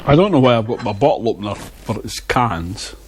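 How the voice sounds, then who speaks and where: Clipped to a wireless lapel mic, a beer-reviewing vlogger chats casually and mumbles side remarks to himself amid background noise. His fairly low voice is animated and brisk.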